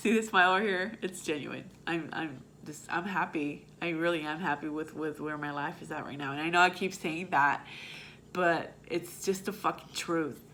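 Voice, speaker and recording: A young woman with a low-pitched voice talks straight to her viewers in a personal vlog. Her tone is bright and forceful, and she is raw and blunt, swearing freely as she speaks. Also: steady tone, normal speed, slight background noise. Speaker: vlogger.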